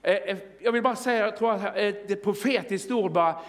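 Male preacher, fervent storytelling style, slightly high voice, long hall reverb. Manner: storytelling, exclaims halleluja, rises to excited testimony. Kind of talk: sermon.

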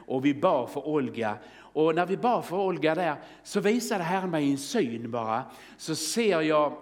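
A man preaching a sermon, telling a testimony story in a fervent, exclaiming way and calling out halleluja. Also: mid-range voice. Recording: long reverb of a church hall.

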